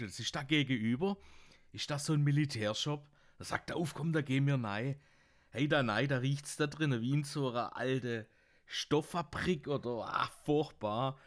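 A man's voice: mid-range voice, normal speed. A man with a Swabian accent telling jokes on his podcast, often bursting out laughing at his own punchlines. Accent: Swabian German. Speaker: podcast host. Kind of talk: joke-telling podcast monologue.

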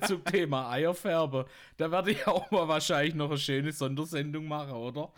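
A man's voice: a little high, normal speed, a bit bright. A middle-aged man with a Swabian German accent, casually telling jokes as host, chuckling often and tagging lines with a questioning "gell".

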